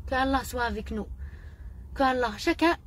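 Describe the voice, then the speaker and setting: A middle-aged woman with a high voice speaks straight to her audience in an impassioned monologue. She sounds indignant and emotional, circling back to the same phrases again and again. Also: normal speed. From Morocco. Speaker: vlogger.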